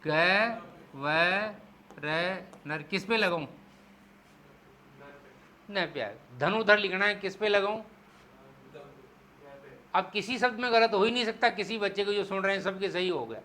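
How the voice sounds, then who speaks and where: A man teaching Hindi spelling in an exam-prep lecture, explaining step by step and slowing down to spell out syllables. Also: sits high, sharp tone, a little hiss or hum. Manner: explains step by step, asks the class "clear?".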